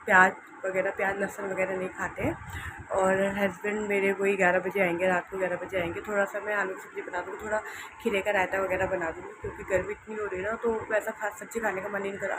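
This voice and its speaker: A young woman talks through her day at home in a casual vlog. Her voice is hoarse and tired, and she rambles softly, repeating herself, at a middling pitch. Clear background noise runs under the recording. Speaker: vlogger.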